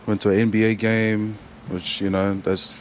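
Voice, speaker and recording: A young New Zealand rugby player chats as a guest in a casual interview, halting often and full of fillers and restarts. His lowish voice is delivered flatly, with a little hiss or hum.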